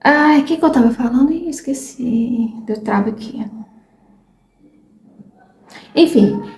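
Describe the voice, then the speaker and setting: Brazilian woman, 30s, casual vlogger, a bit high-pitched, frank and scattered, roomy echo. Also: expressive, normal speed, darkish tone, slight background noise. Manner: chatty, frank, loses her train of thought. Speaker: vlogger learning English. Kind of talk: casual chat to viewers.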